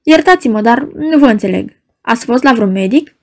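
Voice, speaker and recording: A woman's voice: on the high side, lively intonation. A woman reading aloud, voicing a proud male professor who speaks in a dry, short, commanding way. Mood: curt. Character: curt, proud middle-aged male professor, doctor.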